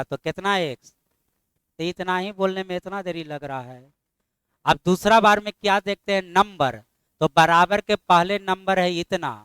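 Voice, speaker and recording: A middle-aged man teaching a math class, firing constant questions at his students and scolding them mildly when they are slow. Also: high-pitched, a bit bright, clear, resonant tone, dry recording.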